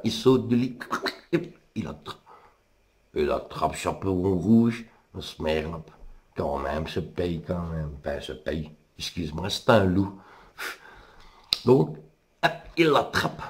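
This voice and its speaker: A man's voice: sits low, sing-song, slow pace, long pauses. A man with a Brussels accent retelling a folk tale in a chatty, digressive way, full of asides and hein. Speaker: storyteller.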